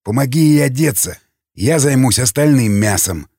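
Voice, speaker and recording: A man voicing a calm, sardonic male cannibal with a baritone voice, mocking and quietly threatening. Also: moderate pace, dry recording, studio quality, close to an everyday voice. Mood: menacing.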